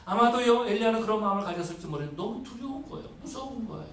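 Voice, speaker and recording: A male pastor preaching a sermon, rising to emphatic pleas and dropping to a hush. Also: sits high, very fast. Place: church sanctuary. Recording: echoey church hall, mic at a distance, faint hiss.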